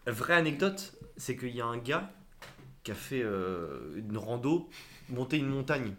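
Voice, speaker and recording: A woman's voice: extremely low pitch, big pitch swings, a little slow, fairly bright tone, slight background noise. A woman co-hosting a casual podcast, telling an anecdote insistently. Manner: storytelling, insistent. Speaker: podcast co-host. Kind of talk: casual chat among friends.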